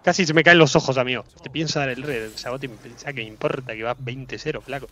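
A man with a Rioplatense Spanish accent giving excitable live gameplay commentary as a streamer, swearing casually and repeating his phrases. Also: mid-range voice, quick pace.

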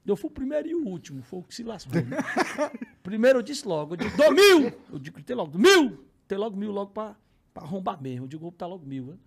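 A man with a Cearense accent, a podcast guest telling a story, acting out voices and shouting the bids. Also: high-pitched, big pitch swings, fast talker, gravelly, husky. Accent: Cearense Brazilian Portuguese. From Ceará, Brazil. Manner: acts out others' voices, shouts bids, laughs while telling. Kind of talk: animated storytelling.

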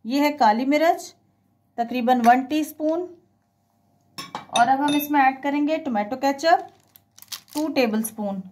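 Explaining a home recipe one step at a time, this woman speaks a little slowly and pauses often. Her voice is high with a darkish tone, and her voice-over is chatty yet instructional, sprinkled with English words.

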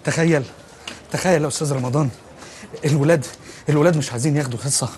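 A man's voice: a little high, rapid-fire, darkish tone, a little hiss or hum, lightly acted. An actor playing an easygoing male science teacher with an offhand, laid-back way of talking. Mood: casual.

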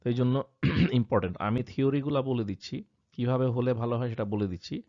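A man's voice: mid-range voice, brisk, warm tone. A man, patiently teaching Quranic pronunciation and repeating example sounds aloud. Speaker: tajweed teacher. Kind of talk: explanatory lesson. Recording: dull lo-fi sound.

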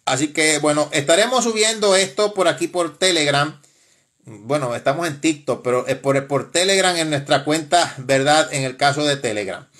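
A man's voice: a little high, normal speed, a bit bright. A man hosting a live stream, casually commenting in a mocking, laughing way, with frequent exclamations.

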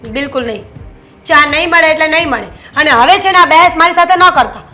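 A snappy young bahu, super high sharp voice, sarcastic and bossy. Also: female voice, fairly quick, faint music behind. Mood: scolding. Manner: scolding, sarcastic. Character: sharp-tongued young daughter-in-law refusing tea. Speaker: daughter-in-law.

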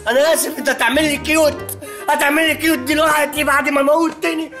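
A high, bright, wailing voice of a panicked young man who is stoned and sure he is dying. He rattles off breathless complaints at a frantic pace in Egyptian Arabic, like a TV comedy drama. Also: steady tone, quick pace, faint music behind. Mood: panicky whining.

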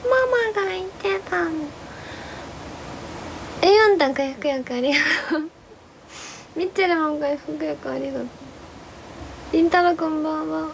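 A hoarse young woman chatting casually on a live stream, bubbly and playful as she thanks viewers for gifts. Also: high-pitched, slight background noise, rough recording. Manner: playful exclamations and cute drawn-out reactions. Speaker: live streamer, former idol.

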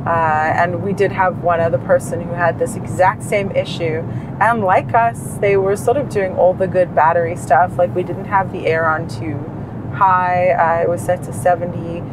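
Her voice lowish and her pace moderate, a woman in her thirties narrates a road trip for a vlog she co-hosts, chatting casually from the passenger seat. The car is moving, and steady road and cabin noise can be heard.

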